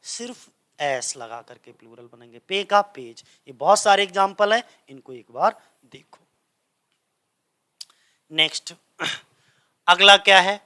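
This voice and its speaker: A man's voice: high-pitched, lively intonation, measured pace, pauses often, sharp tone. A man teaching English grammar in a coaching class, speaking. He keeps asking the class a question and then answering it himself.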